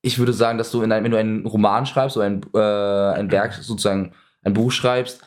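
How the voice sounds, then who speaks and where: A man's voice: fairly low pitch, fairly even intonation, fairly quick. A young man co-hosting a casual podcast chat, arguing his points with many restarts. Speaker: podcast co-host.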